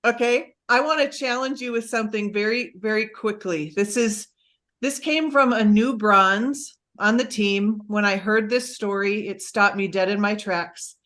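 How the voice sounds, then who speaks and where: A woman giving an enthusiastic pep talk as a guest speaker on a company call, gushing with breathless excitement. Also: medium pitch, measured pace.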